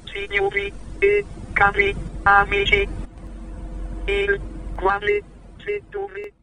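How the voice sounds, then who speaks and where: An early computer speech synthesizer with a male voice, speaking in a mechanical monotone. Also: high-pitched, drawn-out words, a little hiss or hum. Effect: robotic synthetic speech voice.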